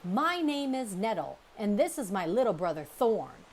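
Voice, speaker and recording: A woman voicing a bossy young female bear in a storybook reading, with a sarcastic, loud delivery. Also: medium pitch, sing-song, normal speed, slight background noise, voice pushed up, natural voice. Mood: menacing.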